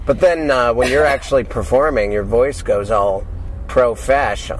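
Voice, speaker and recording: A man's voice: mid-range voice, unhurried, rough recording. A man hosting a casual comic chat in a car, teasing and riffing as he talks. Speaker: host. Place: inside a car. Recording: car and street noise behind.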